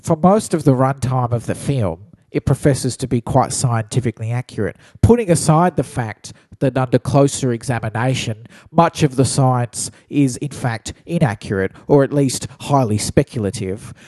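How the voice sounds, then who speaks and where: A man's voice: medium pitch, normal speed, hardly any pauses, a little mellow, no echo, natural voice. A man putting on a funny nerd voice to voice a ranting online critic of a film, whiny and exasperated.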